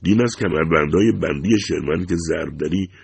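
A man with a gravelly voice narrating a story steadily, close to the mic. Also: low voice, no echo. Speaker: audiobook narrator.

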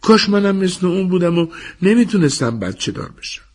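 A man voicing a mocking, bitter middle-aged neighbor woman in an audiobook, in a high scornful put-on voice. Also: expressive, a little mellow. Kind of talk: audiobook character voice.

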